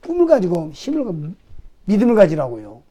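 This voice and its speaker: Male pastor, high-pitched voice, conversational sermon delivery with rhetorical questions. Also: wildly swooping pitch, fairly quick, mellow. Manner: conversational preaching, frequent rhetorical questions to the congregation; acts out prayers and imagined dialogue with God.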